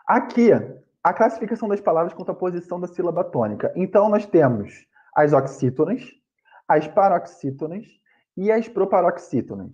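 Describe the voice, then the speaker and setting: A man with a Brazilian Portuguese accent teaches a grammar class online, patient and repetitive, stopping to fix his own slips. His voice sits fairly high. The sound is dull and lo-fi, like a video call. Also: lively intonation, fairly quick, darkish tone. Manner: explains patiently, repeats points, self-corrects.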